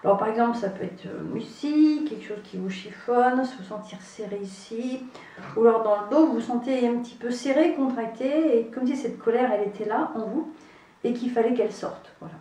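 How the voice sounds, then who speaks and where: A woman leading an EFT tapping session, speaking in calm, repetitive instructions and affirmations. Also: fairly high pitch, moderate pace. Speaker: EFT practitioner. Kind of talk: guided EFT tapping demonstration. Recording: echoey room, voice from far off.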